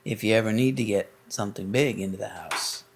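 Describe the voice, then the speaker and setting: A man with a lowish voice reads a scripted promotional voice-over. His delivery is even and measured, with a faint hiss of noise under it. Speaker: narrator.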